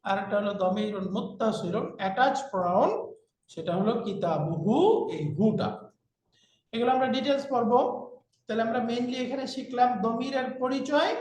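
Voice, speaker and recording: A man teaching an online language class, drilling vocabulary with a repeated chanting rhythm over a video call. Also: extremely high pitch. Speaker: Arabic teacher. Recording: echoey room sound.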